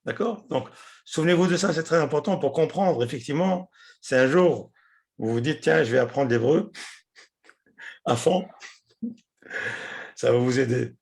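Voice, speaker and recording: A man teaching a class, explaining patiently, repeating words and pausing often with hesitations. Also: fairly high pitch, gravelly, darkish tone. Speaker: Hebrew teacher.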